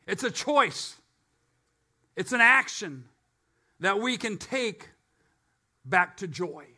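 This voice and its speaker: A man preaching a live sermon to a congregation, swinging from loud and emphatic to quiet and low, with joking asides. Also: animated, slow pace. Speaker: pastor.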